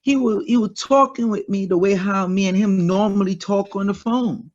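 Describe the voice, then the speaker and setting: In a casual interview, a man from the United States with a Trinidadian accent speaks bluntly and swears a lot. His high-sitting voice moves at normal speed, and the recording has its highs cut off.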